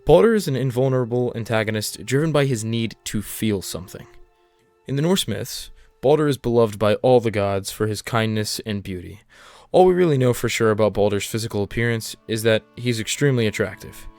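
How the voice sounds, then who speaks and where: Male video-essay narrator, lower-pitched, scripted explainer read over a music bed. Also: animated, brisk, a little mellow, dry recording.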